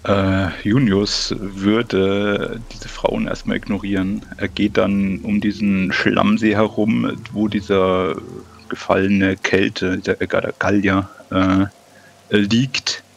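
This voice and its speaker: A man playing in a tabletop game, describing his character's actions slowly and haltingly. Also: fairly low pitch, little pitch movement, vocal fry, slight background noise. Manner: slow, halting. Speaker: player.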